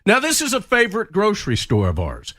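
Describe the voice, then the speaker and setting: A man's voice: sits high, wildly swooping pitch, fairly quick, sharp tone. A man co-hosting a radio show, complaining bluntly. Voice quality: blunt, ranting, politically incorrect cowboy. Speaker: radio co-host. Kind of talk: casual radio chat. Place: radio studio.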